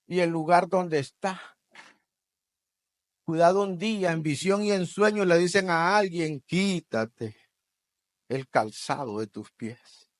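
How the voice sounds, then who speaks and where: A man preaching a sermon, swinging from loud bursts to hushed asides and leading the congregation in repeating phrases. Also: high voice, dry recording. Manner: leads the congregation in call-and-repeat. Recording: dry radio broadcast.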